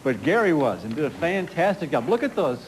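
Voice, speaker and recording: Fast-talking folksy American weatherman. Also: on the high side, sing-song, noisy background. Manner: folksy, chatty, jokey local news anchor. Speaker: TV weather presenter. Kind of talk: live weather forecast, ad-libbed banter.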